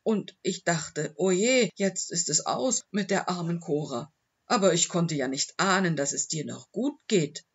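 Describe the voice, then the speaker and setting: A man's voice: on the high side, lively intonation, measured pace, slightly rough, lo-fi sound, full character voice. A man reading the voice of a remorseful very old man in an audiobook, pleading and regretful.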